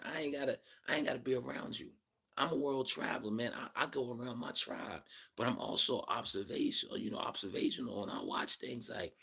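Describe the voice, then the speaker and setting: A man in his fifties hosts a live stream in a blunt, profane, preachy monologue. His voice is gravelly and husky, with a rough edge to every line. He greets viewers in the chat between his points. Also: mid-range voice, a bit bright. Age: 50s. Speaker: livestream host. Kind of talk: livestream monologue.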